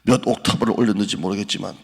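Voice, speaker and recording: A man preaching a dawn prayer sermon as pastor, retelling scripture with acted voices and rising to loud pleading. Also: lowish voice, fairly even intonation, very fast, vocal fry, slightly rough. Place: church sanctuary. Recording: echoey church hall.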